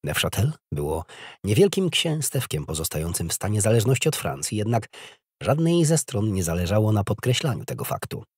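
A man narrating an audiobook in a measured, expressive reading. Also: lowish voice, breathy edge, no room sound, clean studio sound. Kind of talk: scripted narration.

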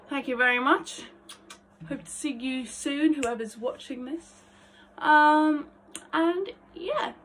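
Again in the small indoor attic bedroom, the same twenty-something aspiring actress vlogs informally, poking fun at herself for a phone camera a short distance off. This time her voice sits high with a sharp tone. The recording is rough, with slight background noise.

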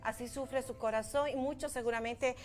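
Higher-voiced woman hosting casual TV talk. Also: fairly even intonation, normal speed, faint music behind. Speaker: TV show host. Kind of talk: casual talk show presenting. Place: TV studio.

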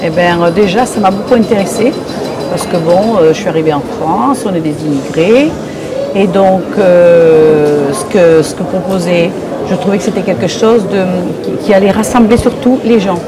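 A woman's voice: fairly low pitch, moderate pace, heavy background noise. An older woman from Morocco, a guest on a fair stage, talking in a hesitant, repetitive way. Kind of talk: casual interview talk. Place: wooden hall at a public fair. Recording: crowd chatter in a hall.

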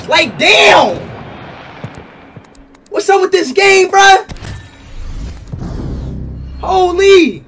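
A young American man reacting excitedly on a gaming livestream, loud and slangy, often shouting and repeating his phrases. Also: very high-pitched. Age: young adult. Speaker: live streamer. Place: indoor room, streaming setup. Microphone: headset.

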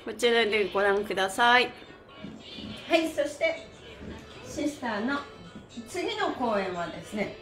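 With a mid-range voice, a woman who performs pantomime hosts a livestreamed stretching class, cheerful, energetic, and polite like a presenter. She gives upbeat exercise instruction and chats casually with viewers, while the recording has roomy echo and slight background noise.

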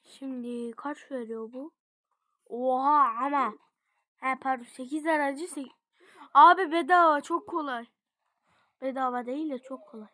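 A high, bright young voice talks through a driving game in a relaxed, unhurried way, cheering, counting aloud and chatting with viewers. The sound is close and dry, with no room echo. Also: female voice. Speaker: gaming channel host. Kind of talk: casual gameplay commentary.

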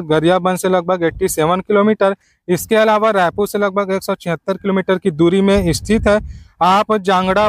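A man from Chhattisgarh, India, narrates a scripted travel guide, speaking directly to viewers as friends. His voice sits high, and the recording is dry.

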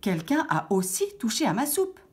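A woman's voice: on the high side, sing-song, moderate pace, voice pushed up. A woman voicing a medium-sized mother bear who complains in a storybook reading. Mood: complaining.

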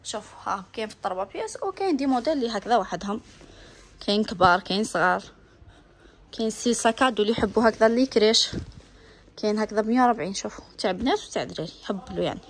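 A shopping vlogger with an Algerian Arabic accent films on her handheld phone inside a bag shop, eagerly reeling off prices and gushing over the bags in a product showcase. Her mid-range voice is expressive and very fast with a breathy edge.

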